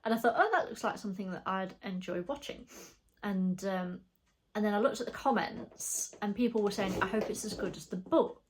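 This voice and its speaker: At home, a flosstube vlogger with a bit of a cold chats and rambles through a craft vlog, soft-spoken and full of fillers. Her mid-range voice moves fairly quickly, and the low-quality recording carries slight background noise.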